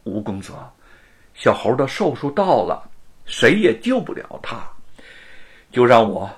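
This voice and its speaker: Man voicing a gentle grieving young woman. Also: medium pitch, big pitch swings, a little slow. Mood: tearful. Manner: soft, tearful.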